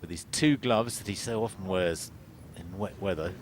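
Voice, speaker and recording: A man's voice: sits low, normal speed, background noise. A man giving live golf commentary as the co-commentator, analysing play in a conversational way.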